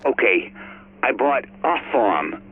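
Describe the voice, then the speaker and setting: A man's voice: medium pitch, very animated, slow. An actor playing a nervous city man who talks in a hesitant, stammering way. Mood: earnest. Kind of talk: game audio log. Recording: tinny phone-like recording.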